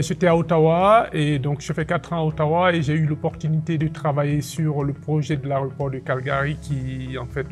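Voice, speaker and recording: A man's voice: a little high, gravelly. Guy from ivory coast telling his story, lots of um's, bit of faint music under it. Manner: reflective, hesitant with many fillers. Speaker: interviewee, public servant. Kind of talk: personal testimony interview.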